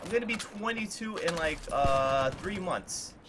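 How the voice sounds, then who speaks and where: A man in his early twenties with a slightly high voice speaks earnestly from a small room at home, rambling and circling back on his points with many fillers. He talks into a desk mic. Gunfire from a video game is clearly heard behind his voice. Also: animated, unhurried, heavy background noise. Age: 20s. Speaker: gaming YouTuber. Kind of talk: candid talk to viewers over gameplay.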